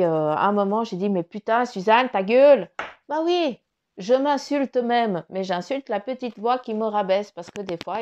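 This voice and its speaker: A woman's voice: medium pitch, a little mellow, a little hiss or hum. Chatty French woman, dull lo-fi sound. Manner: chatty, swears casually, drops to murmurs. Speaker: card reader. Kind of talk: casual spiritual card reading.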